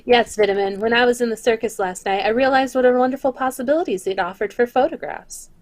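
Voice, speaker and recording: A woman's voice: on the high side, fast talker, natural voice. A woman playing Tess, the detective's eager young sweetheart, in a 1940s-style radio drama read. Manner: eager, enthusiastic.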